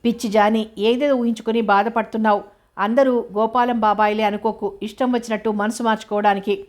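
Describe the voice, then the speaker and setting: Woman reading as Suryam, gentle caring young man. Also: fairly high pitch, fairly even intonation, brisk, natural voice. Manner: affectionate, earnest. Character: kind young man, gentle protective cousin. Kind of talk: audiobook character reading.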